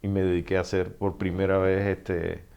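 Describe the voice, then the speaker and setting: A man's voice: deep voice, moderate pace, gravelly, clean tone, highs cut off. A middle-aged man with a Panamanian Spanish accent, an author telling stories in a casual interview and acting out the dialogue. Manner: animated storyteller, acts out dialogue, laughs often. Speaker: author guest.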